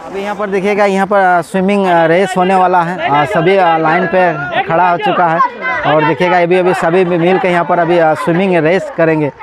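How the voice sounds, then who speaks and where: A high-pitched man in his forties, sick with a cold, talks casually into his phone held at arm's length while vlogging at an outdoor water park, with a crowd in the background. His commentary is chatty and excited, full of laughs and filler pauses.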